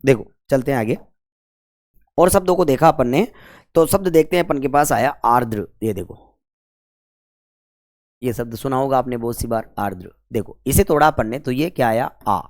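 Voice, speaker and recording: A man's voice: medium pitch, moderate pace, long pauses. Male teacher drilling students. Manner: repetitive call-and-response questioning, colloquial 'apan'. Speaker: Hindi grammar teacher. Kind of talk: whiteboard grammar lesson.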